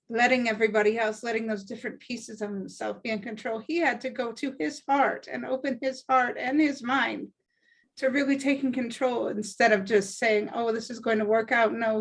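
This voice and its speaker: A woman in her thirties hosting a casual video-call chat, earnest and often giggling as she teases. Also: a little high. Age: 30s. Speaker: club owner and discussion host.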